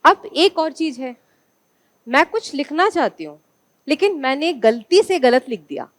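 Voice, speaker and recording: A woman's voice: high voice, lively intonation, measured pace, no room sound. A woman from India teaching an online exam-prep class, asking her students questions and answering them herself.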